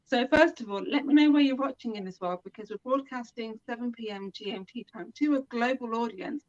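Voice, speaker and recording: A woman's voice: a little high, a little fast, lo-fi sound. Upbeat woman hosting a live show. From United Kingdom. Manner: enthusiastic, talks straight to viewers. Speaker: host of a live web show. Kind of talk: upbeat show introduction and interviewing.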